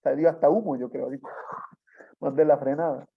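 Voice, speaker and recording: Gravelly preacher telling a testimony. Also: male voice, a little high, fairly even intonation, normal speed. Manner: storytelling with frequent tag questions. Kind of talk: sermon testimony. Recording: dull lo-fi sound.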